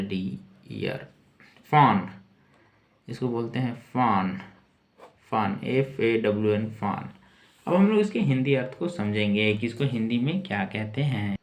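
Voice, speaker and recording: A man teaching English vocabulary in Hindi, spelling each word letter by letter and repeating words slowly. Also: on the low side, animated. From India. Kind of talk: slow spelled-out vocabulary lesson.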